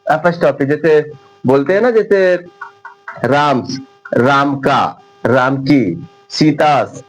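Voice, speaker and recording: A man whose first language is Hindi, with a slightly higher voice than most men, teaching English grammar to exam students. He says each word over and over and firmly corrects wrong forms. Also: drawn-out words, rough recording. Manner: repeats words patiently, corrects mistakes firmly. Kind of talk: classroom-style grammar lesson.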